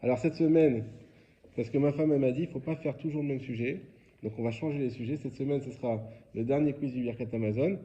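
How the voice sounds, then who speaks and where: A man with a medium-pitched, dark voice talks fast as a rabbi leading a religious quiz lesson for his class. He explains informally, asking students questions and then answering them. The recording is muffled, with a little hiss or hum.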